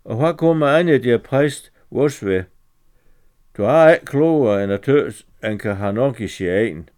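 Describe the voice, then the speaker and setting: A man's voice: mid-range voice, animated, a little mellow, clear, resonant tone, close to an everyday voice. A man reading a scolding farm wife. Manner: scolding, teasing. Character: sharp-tongued farm wife, quarrelsome.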